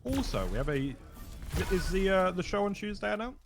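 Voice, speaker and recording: A man's voice: high-pitched, fairly quick, vocal fry, over music. A man casting a live esports match, joking and swearing in loose banter with his co-caster. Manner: jokey, swearing, lively banter. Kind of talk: live game commentary.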